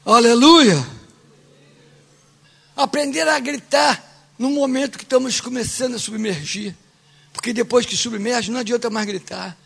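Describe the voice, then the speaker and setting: A man preaching a fervent sermon as pastor, often shouting. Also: extremely high pitch, fairly even intonation, moderate pace, creaky, slightly rough.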